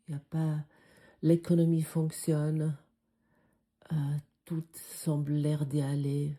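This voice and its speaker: A woman's voice: deep voice, mellow. A woman with a foreign French accent tinged by Swiss speech, teaching a spiritual lesson in a musing, hesitant way with frequent fillers. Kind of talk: reflective spoken lesson.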